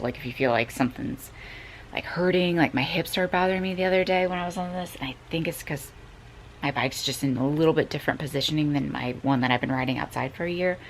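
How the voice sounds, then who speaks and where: A woman's voice: sits low, creaky, slight background noise, low-quality recording. A woman talking casually to the camera in a vlog about her training, chatty and full of filler words. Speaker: vlogger training for a triathlon.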